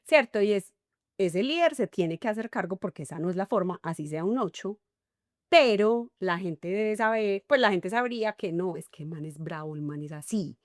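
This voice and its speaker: This guest is an enneagram coach, a middle-aged woman whose Colombian paisa accent comes through as she talks expressively in a conversational interview, animatedly performing small dialogues. Her pitch is medium and her pace normal. The studio-quality audio has no room sound.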